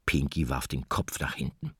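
A man narrating a children's audiobook in a calm, even storytelling manner. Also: very deep voice, normal speed, breathy edge, no room sound, clean studio sound.

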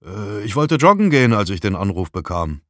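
A good-natured, brisk detective, voiced by the audiobook's male narrator, handing out orders with easy authority. The voice sits a bit above the narrator's usual low tone, in a dry, close recording. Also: big pitch swings, dry recording.

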